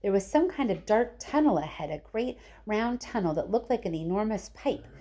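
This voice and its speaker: A woman, a teacher, reads a children's book aloud in an expressive storytelling style. Her voice is mid-range and her pace moderate.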